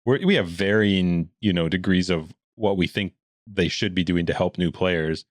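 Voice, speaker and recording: Deep-voiced man, relaxed podcast chat. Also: normal speed, dry recording. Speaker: podcast co-host. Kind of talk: casual gaming podcast chat.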